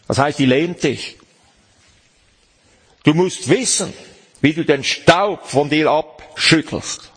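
A man preaching a sermon, slow and emphatic, asking the listeners questions. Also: on the high side, a bit bright, husky. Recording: long hall reverb.

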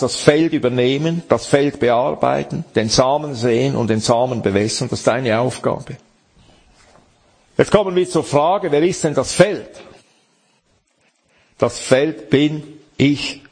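A man's voice: medium pitch, gravelly, darkish tone, slightly rough. A man preaching a sermon, emphatic and addressing the listener directly, reading and explaining scripture.

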